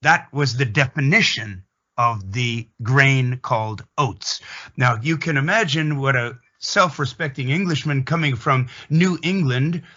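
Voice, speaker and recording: A Canadian man from Atlantic Canada with a Canadian accent gives an opinionated, emphatic explanatory monologue, telling it deliberately like a story in an interview. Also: mid-range voice, bright, forceful tone, highs cut off.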